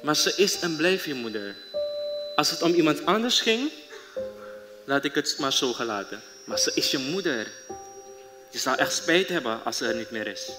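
A coaxing young boyfriend, his voice slightly high and swinging widely in pitch. He presses gently, repeating endearments. The sound rings in a big theatre hall over loud music. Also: very animated, moderate pace, long pauses. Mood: pleading. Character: caring young man urging his partner home. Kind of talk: live stage drama. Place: theatre stage.

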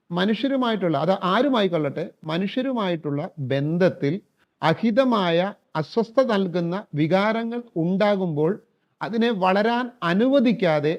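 A middle-aged man telling a story and giving advice as a counselor. He speaks earnestly and addresses his listeners directly. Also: sits high. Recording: dull lo-fi recording.

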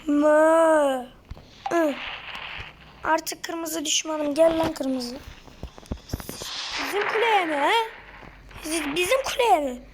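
A woman with a high, hoarse voice talks through a game in a casual let's-play. She reacts excitably and breaks into loud, sudden outbursts. Loud game noise plays behind her the whole time. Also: slow, pauses often. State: hoarse throat. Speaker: gaming video host.

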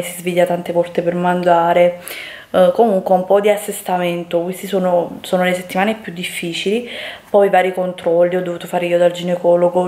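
A woman's voice: on the low side, warm tone. A young woman chatting casually as a beauty vlogger in her bedroom, with many fillers and restarts. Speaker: beauty influencer. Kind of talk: casual vlog chat. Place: bedroom at home. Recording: echoey room.

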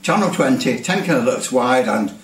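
With a gravelly, medium-pitched voice, an older British CB radio presenter of around seventy talks expressively at normal speed, casually walking the camera through technical matters and occasionally repeating words. The setting is a small indoor workshop of bare brick, and the distant microphone picks up roomy echo.

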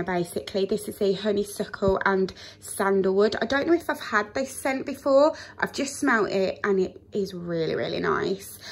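A young woman and mother chatting casually through her grocery haul in a home kitchen, filling pauses with "um" and joking about her own laziness. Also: mid-range voice. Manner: chatty, self-deprecating, many "um" fillers. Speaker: vlogger, mother.

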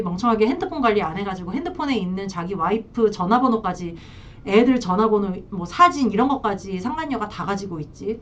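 A woman's voice: mid-range voice, slight background noise. A woman counselor giving blunt advice on affairs and divorce, telling the story with acted-out dialogue. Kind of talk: advice talk to camera. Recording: dull lo-fi sound.

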